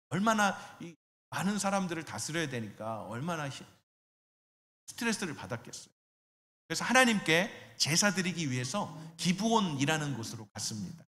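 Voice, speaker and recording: A man's voice: fairly high pitch, bright, forceful tone, long reverb tail. A middle-aged male pastor preaching a sermon in a church, asking his listeners questions and acting out quoted voices. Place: church sanctuary.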